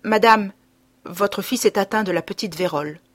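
A woman reading aloud, giving the measured, solemn lines of a male priest tutor. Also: mid-range voice, dry recording, natural voice. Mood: grave.

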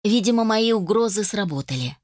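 A woman reading a first-person novel aloud as an audiobook narrator, in an even storytelling way. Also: medium pitch, a little fast, no echo, studio quality.

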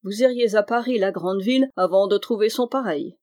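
A woman's voice: mid-range voice, normal speed, darkish tone, no echo, close to an everyday voice. A sly, chattering little male dwarf who teases and exclaims, voiced by a woman in a storybook reading, heard in a dry, close recording with no room sound. His voice sits at a middling height. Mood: teasing.

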